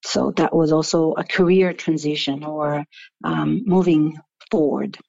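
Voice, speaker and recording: French-accented woman, low voice, dry. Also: fairly even intonation, a little slow, creaky, warm tone, dry recording, dull audio. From France. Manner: thoughtful, rambling with restarts. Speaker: guest, business founder. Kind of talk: interview answers.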